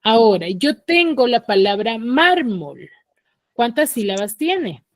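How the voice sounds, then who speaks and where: Over a computer mic on a video call, a woman with a Peruvian Spanish accent teaches an online class, guiding students through questions step by step. Her voice is slightly high, expressive, and darkish in tone, unhurried, with no room sound.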